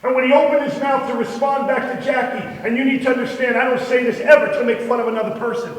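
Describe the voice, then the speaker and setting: A man in his fifties telling an earnest story as a motivational speaker at a school assembly, his voice dropping quiet to make a point. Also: very high voice, level tone, fast talker. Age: 50s. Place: large school hall. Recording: echoey hall recorded from far off.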